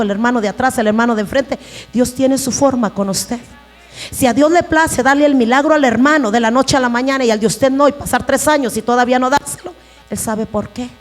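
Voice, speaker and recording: A woman pastor preaching a sermon in an earnest way, speaking to the congregation as brothers and sisters. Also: a little high. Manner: earnest, addresses listeners as brothers.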